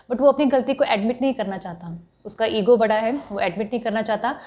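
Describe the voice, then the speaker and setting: Woman giving calm self-help advice. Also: a little high. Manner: explains patiently, repeats points, often asks "ठीक है". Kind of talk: motivational talk to camera.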